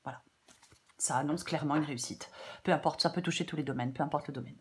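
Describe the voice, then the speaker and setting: A woman's voice: deep voice, a little hiss or hum. Congested woman reading tarot casually. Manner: halting, self-interrupting, chatty asides. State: congested blocked nose from a cold. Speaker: tarot reader. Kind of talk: casual off-the-cuff tarot guidance.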